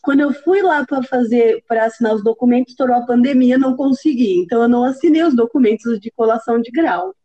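Woman, mellow tone, self-mocking storyteller, muffled lo-fi recording. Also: a little high, fast, hardly any pauses. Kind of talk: casual chat. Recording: dull lo-fi sound.

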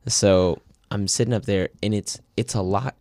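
A man in his twenties chatting casually as a podcast co-host, telling rambling stories that grow animated when he gets excited. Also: lowish voice, normal speed. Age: 20s. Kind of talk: casual chat.

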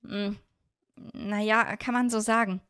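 A woman's voice: medium pitch, fairly even intonation, a little slow, fairly bright tone, clean tone, no room sound, clean studio sound, lightly acted. A woman voicing a shy young female fox spirit in human form in a storybook reading, speaking in a hesitant, guarded way.

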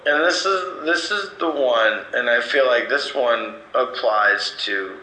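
A drunk man stumbles through a late-night phone call, rambling and sentimental, losing his place mid-thought. His voice sits at an ordinary pitch. The recording is echoey, with a steady hiss behind it. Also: slow. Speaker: comedy podcast host. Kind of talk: drunken phone call, reading quotes aloud.

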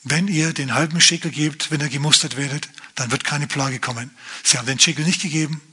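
A male pastor preaching a lively, chatty sermon, often turning to his listeners with asides. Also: a little high, brisk, breathy edge.

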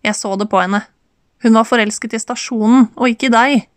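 A woman's voice: a little high, fairly even intonation, dry recording, lightly acted. A woman reading as an insistent, pressing woman. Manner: pleading, pressing. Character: insistent, concerned woman confronting an old flame.

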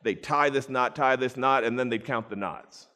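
A man preaching a storytelling sermon, animated, acting out voices and addressing listeners by name. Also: medium pitch, moderate pace. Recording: long reverb in a large hall.

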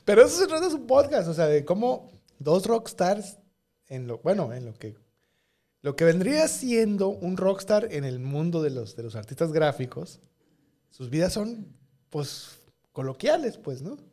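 Animated man, lively pitch. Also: a little slow. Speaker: podcast co-host. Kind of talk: casual chat.

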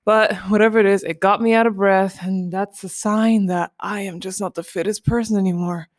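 A woman in her twenties hosts a casual pillow-talk podcast from her living room, rambling and chatting with lots of "like" and "you know." Her medium-pitched voice stays steady at a normal speed, and the recording is studio quality with no room sound.

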